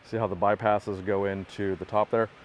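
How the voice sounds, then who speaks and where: With a flat delivery at normal speed, a man with a lowish voice walks around a work truck outdoors, filming on his own phone in a parking lot. The equipment builder keeps this product walkthrough casual and plain, and there's slight background noise.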